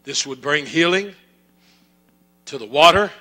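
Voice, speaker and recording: A man preaching a sermon in a slow, drawn-out delivery. His voice sits high and rings bright and sharp, repeating phrases as he presses each point. A low electrical hum runs under the recording. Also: animated. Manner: preaching with rising fervor, repetitive cadence. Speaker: pastor.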